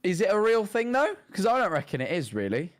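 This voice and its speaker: Higher-voiced man joking dryly. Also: wildly swooping pitch, a little fast. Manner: dry, self-deprecating joking. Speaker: co-host reading listener confessions. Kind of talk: casual comedic chat.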